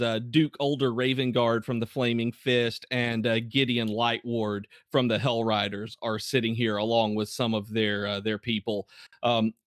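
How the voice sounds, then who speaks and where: A man narrating as game master in a relaxed, casual way, with frequent fillers and restarts. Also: medium pitch, no room sound, clean studio sound.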